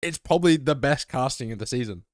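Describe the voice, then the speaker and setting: A man co-hosts a casual chat podcast, agreeing often and chiming in with short remarks. He is from Australia, and his voice sits at an ordinary middle pitch. The sound is dry and close, with no room echo. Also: animated, fast talker. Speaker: podcast co-host.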